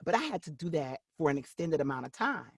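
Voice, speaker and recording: Woman, voice-over actress guest, lively swooping pitch, husky tone, excitable, interview chat. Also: quick pace, no echo, clean studio sound. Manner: animated and excitable. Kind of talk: casual interview talk.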